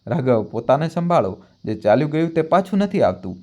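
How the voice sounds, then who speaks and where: A man's voice: on the high side, very animated, fairly quick, dark tone. A man reading the lines of a scheming young wife who fakes sympathy and denies guilt. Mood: defensive. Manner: fake sympathy, defensive.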